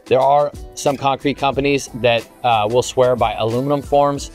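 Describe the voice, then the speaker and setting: A man's voice: medium pitch, steady tone, normal speed, faint music behind. Methodical man walking through a build site. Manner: earnest, methodical, with filler words. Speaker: home builder. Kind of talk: explanatory on-site walkthrough. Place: outdoor construction site, basement pit.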